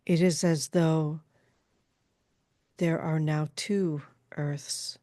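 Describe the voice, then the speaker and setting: Woman as calm channeled spirit, seance medium trance, very slow halting delivery, formal, even-toned, dry close sound. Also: low-pitched, dry recording. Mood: solemn, measured. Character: calm, solemn female channeled spirit named Alma.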